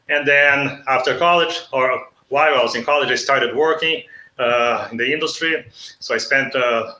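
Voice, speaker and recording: A middle-aged man from Brazil with a Brazilian Portuguese accent, an economics professor explaining things in a measured way and often checking in with "okay?". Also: medium pitch, bright, forceful tone, roomy sound, low-quality recording. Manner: measured, frequent "okay?" check-ins and restarts. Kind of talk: explanatory interview talk.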